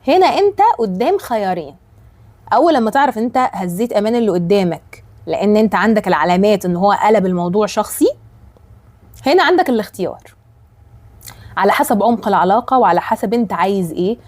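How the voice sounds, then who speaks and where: A woman with an Egyptian accent, a life coach giving casual advice to camera, animated and acting out quoted voices. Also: mid-range voice, quick pace. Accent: Egyptian Arabic. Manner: animated, acts out quoted voices, frequent restarts.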